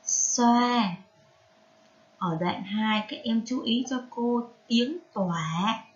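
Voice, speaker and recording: A woman with a Vietnamese accent teaching a reading lesson to young children, spelling out syllables carefully and prompting them gently. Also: a little high, slow, highs cut off. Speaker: primary school teacher.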